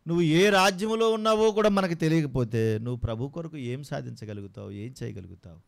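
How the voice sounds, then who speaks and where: A man's voice: a little high, fairly quick, creaky. A man preaching a sermon with passion, firing rhetorical questions at his congregation.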